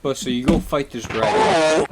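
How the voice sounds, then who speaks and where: A man's voice: a little high, huge pitch swings, moderate pace, very noisy. A man chatting casually on a live stream, rambling and swearing as he recaps a game, laughing often.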